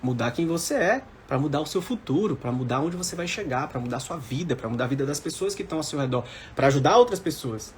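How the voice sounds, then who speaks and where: A man of about forty with a Brazilian accent mentors civil service exam candidates, giving informal motivational coaching to live-stream viewers. His voice is on the high side and animated, quick with few pauses, and he emphatically repeats key phrases. There is a little hiss or hum.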